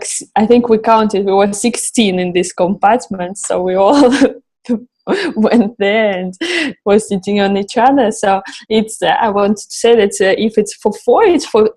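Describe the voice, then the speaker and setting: A woman answers interview questions, pausing often to find her words. Her voice is worn and getting hoarse. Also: mid-range voice, a little mellow, low-quality recording. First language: Russian. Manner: searching for words, many restarts and fillers. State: losing her voice. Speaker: founder of a travel project.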